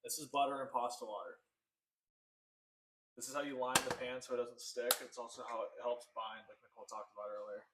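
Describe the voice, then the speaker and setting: A man's voice: medium pitch, little pitch movement, fairly quick, roomy sound, heavy background noise. A man cooking along in a home kitchen, showing what he does in a playful, show-off way. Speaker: co-host, partner cooking along. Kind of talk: casual cooking chat.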